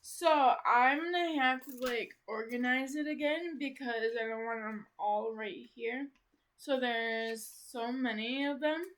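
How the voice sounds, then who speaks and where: Slow, rambling woman vlogger. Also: on the high side, a bit bright. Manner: rambling, full of "like" and restarts. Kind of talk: casual rambling vlog chat.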